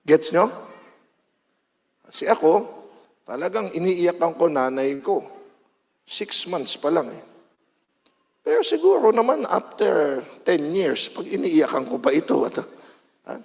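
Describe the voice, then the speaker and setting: A high-voiced man with a Filipino accent preaches a sermon in a lively, dramatic way, swinging from loud cries to hushed lines. His voice rings out with a long reverb, as in a large hall. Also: measured pace, gravelly, pauses often.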